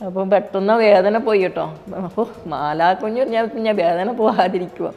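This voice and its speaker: Fast-talking middle-aged mother, echoey. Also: medium pitch. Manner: quick, plain speech with frequent restarts. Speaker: mother giving a faith testimony. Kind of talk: personal storytelling. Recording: dull, reverberant, with soft music behind.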